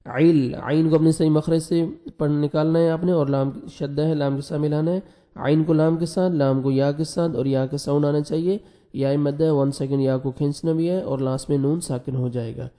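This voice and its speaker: A man teaching tajweed, spelling letters quickly and then reciting each word slowly and drawn out. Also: on the high side, steady tone, warm tone. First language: Urdu. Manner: alternates rapid explanation with slow drawn-out recitation.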